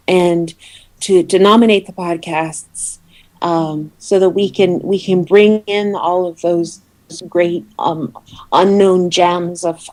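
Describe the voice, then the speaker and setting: A woman with a lowish, slightly mellow voice appears as an interview guest representing an awards committee. She explains things earnestly and conversationally.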